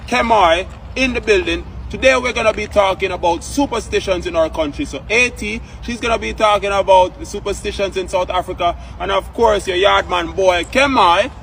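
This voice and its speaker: A man's voice: high-pitched, normal speed, gravelly, hardly any pauses. A Jamaican man co-hosting a video outdoors by a street, chatting upbeat and playful with hype catchphrases. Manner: hypes and playful, with shouted catchphrases. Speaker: video co-host. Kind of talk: upbeat casual vlog chat. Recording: distant mic with street traffic noise.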